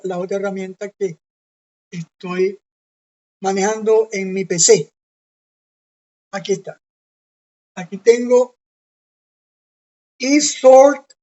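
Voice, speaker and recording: A woman's voice: mid-range voice, a little mellow. A woman teaching an online Bible study lesson, methodical and often checking that her listeners follow along. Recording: dull lo-fi computer audio.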